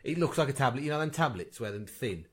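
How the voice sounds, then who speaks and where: A man's voice: medium pitch, expressive, quick pace, a bit bright, slightly rough. A man co-hosting a podcast, trading blunt, sweary banter and laughing often. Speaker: podcast co-host. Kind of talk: crude casual banter.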